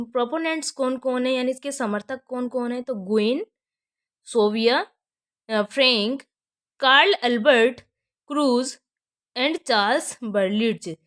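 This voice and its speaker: A young woman with a Hindi accent teaches an exam-prep lesson in a fairly high voice. She keeps posing questions and answering them herself, circling back to repeat the key terms so they stick.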